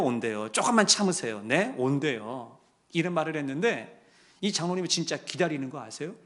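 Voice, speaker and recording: A male pastor telling a story in his sermon, dropping to a hush and then rising loud and impassioned. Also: high-pitched. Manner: swings from hushed to loud and impassioned.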